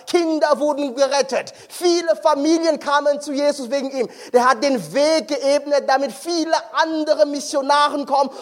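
A man preaches at a conference in a strikingly high voice. He speaks with fervor and keeps turning questions on the congregation. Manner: impassioned, questioning the crowd. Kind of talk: sermon. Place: conference hall.

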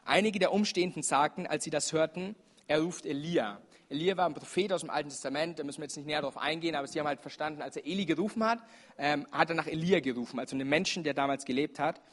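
A man's voice: on the high side, quick pace. A man with a somewhat raised voice preaches a sermon in a church service. He speaks earnestly and urgently, pressing his listeners, and his delivery is dotted with fillers.

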